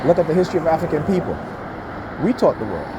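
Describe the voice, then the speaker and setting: A man's voice: on the high side, very animated, fast. Man on an emphatic rant, noisy background. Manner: emphatic, repeatedly punctuates points with check-in questions like "right?" and "okay?". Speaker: speaker giving commentary. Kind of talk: informal opinionated rant.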